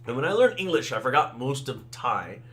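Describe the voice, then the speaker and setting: A middle-aged man, a native Tamil speaker who is an author and game designer, hosts a casual solo podcast about writing and editing, using frequent fillers and "right?" asides. His voice is mid-range, sing-song and a bit bright, at a moderate pace.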